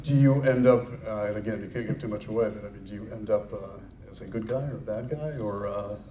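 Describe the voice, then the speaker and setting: A man's voice: on the low side, quick pace. A man moderating a casual convention panel, asking chatty questions. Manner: chatty, prompting questions with small laughs. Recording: echoey hall from far off, crowd behind. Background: audience crowd.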